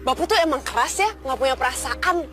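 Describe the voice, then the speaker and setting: A woman's voice: high voice, fairly quick, music in the background, lightly acted. An actress playing a cheeky, outspoken young working-class woman in a TV drama, blunt and chatty. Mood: reproachful. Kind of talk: TV film drama acting.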